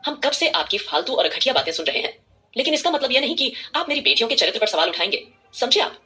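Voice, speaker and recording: A woman's voice: fairly high pitch, very animated, fast talker, bright, forceful tone, pitched above the performer's own voice. A woman voicing a fierce elderly grandmother who firmly defends her daughters. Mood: indignant. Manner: firm, indignant.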